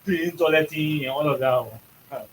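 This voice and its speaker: A Liberian radio host with a Liberian English accent, his voice sitting a little high for a man. He talks back at the clip in a mocking, scolding way. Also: moderate pace, a crowd in the background, poor audio. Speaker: radio show host and commentator. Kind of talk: sarcastic on-air commentary.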